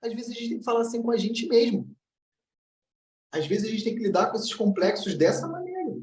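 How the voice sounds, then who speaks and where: A man's voice: very high-pitched, very animated, a little fast, darkish tone. A man giving a commented book reading lesson in a blunt, direct way, acting out the voices he quotes. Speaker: teacher of self-knowledge. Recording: roomy, distant mic.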